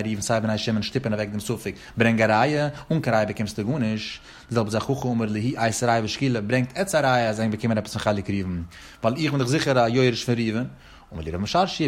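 A man teaches a legal text at a quick clip, laying out each case in turn. His voice is husky and a little breathy. He talks in a sing-song lecturing cadence that rises and falls through each point. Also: medium pitch. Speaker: Talmud teacher.

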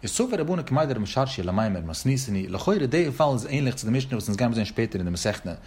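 A man's voice: medium pitch, very animated, fast, a little mellow, husky. A man teaching a legal text in a sing-song lecturing cadence that rises and falls as he works through each case. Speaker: Talmud teacher.

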